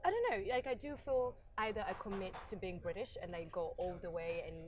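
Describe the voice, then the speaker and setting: A woman's voice: mid-range voice, lively intonation. A woman in her twenties from Zimbabwe, a podcast guest talking thoughtfully about teaching and identity. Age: 20s. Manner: quick, thoughtful and conversational, with frequent agreeing murmurs. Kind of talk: podcast interview. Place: busy public venue. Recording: noisy crowd in a public venue. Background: crowd chatter.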